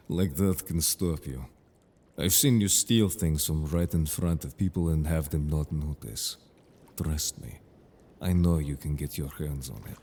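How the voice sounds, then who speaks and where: For an audio roleplay drama, a man portrays a protective merfolk who is calm and confident. His character voice is full, husky, and rumbling low, and he delivers his lines in measured, formal phrasing.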